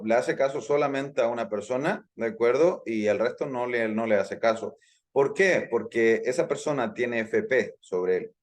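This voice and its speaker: A man teaching a live online hypnosis class, explaining at length, repeating his points and checking in with his listeners. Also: medium pitch. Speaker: hypnosis instructor.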